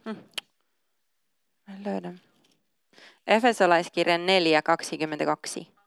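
A woman's voice: lowish voice, vocal fry, clean tone, no echo, clean studio sound. A woman pastor giving a sermon, reading scripture aloud and then talking casually and informally.

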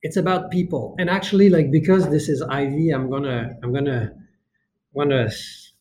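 A man's voice: fairly high pitch, fairly even intonation, normal speed, darkish tone, a little hiss or hum. A man in his fifties, a company executive being interviewed on a podcast, speaking earnestly and passionately, often restarting his sentences.

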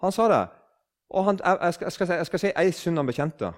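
A man in his sixties from southern Norway, telling a story in a conversational way, often restarting his sentences. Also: high voice. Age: 60s. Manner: animated, restarts sentences, acts out quoted speech. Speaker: speaker on faith.

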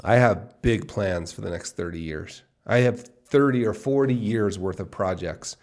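A man in his fifties hosting his own podcast, musing aloud in an excited, casual solo monologue and often repeating himself. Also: on the low side, measured pace. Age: 50s. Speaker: podcast host.

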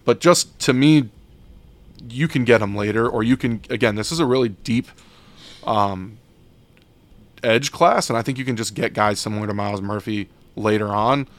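A man's voice: on the low side, normal speed. A man co-hosting a sports podcast, talking casually and loosely with many fillers and restarts. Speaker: podcast co-host.

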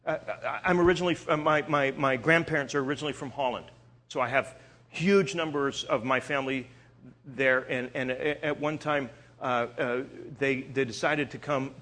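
A man from Eastern Canada preaching a sermon, telling stories in an animated way and often restarting his sentences. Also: medium pitch, normal speed. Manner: animated storytelling with frequent restarts.

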